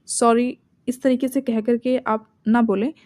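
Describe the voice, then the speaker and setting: An Indian-accented woman leads a spoken English lesson, explaining in Hindi and slowing right down to read each English example sentence. Her voice sits a little high, with a warm, mellow tone. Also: flat delivery. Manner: slow, deliberate reading of English example sentences. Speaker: English teacher.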